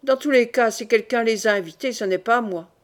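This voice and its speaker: A woman voicing a proud, quick-witted young king of Navarre who answers with smooth innocence and firm pride, in an audiobook. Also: on the high side, natural voice. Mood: composed.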